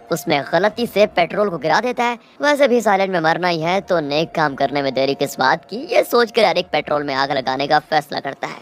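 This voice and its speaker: A woman narrating a horror movie's plot dramatically, addressing viewers as friends. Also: deep voice.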